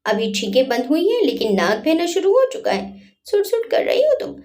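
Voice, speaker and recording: A woman's voice: sits high, huge pitch swings, normal speed, darkish tone. A woman voicing a reserved young husband in a storybook reading, exasperated and reasoning. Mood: worried.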